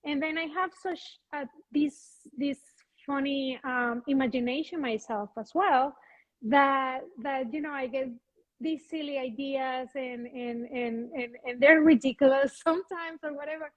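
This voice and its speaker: A woman from Venezuela, a guest photographer chatting casually in an interview, talking in halting restarts over a video call. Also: sits high, muffled recording. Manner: halting, many restarts, light laughs.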